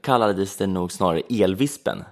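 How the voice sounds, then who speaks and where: A man's voice: deep voice, creaky. A man from Sweden in casual chat, joking and teasing his co-host.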